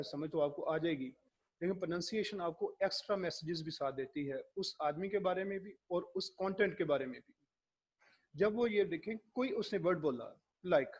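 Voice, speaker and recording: A man giving a classroom lecture, explaining slowly and acting out his examples. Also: sits high, breathy edge.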